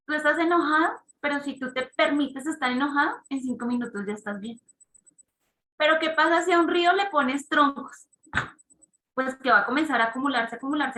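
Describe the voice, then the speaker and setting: A woman talks parents through an idea in a bright, fairly high voice. She explains step by step and keeps checking in with her listeners. The sound rings a little in an echoey room. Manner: conversational, explanatory, asks the audience questions. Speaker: parenting talk speaker. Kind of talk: online parent talk.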